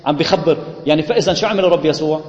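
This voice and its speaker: Priest, quick and high, echoey hall. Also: male voice, a little mellow. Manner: asks the congregation questions and answers them himself. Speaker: priest teaching scripture. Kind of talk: Bible study sermon. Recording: echoey hall, muffled lo-fi sound.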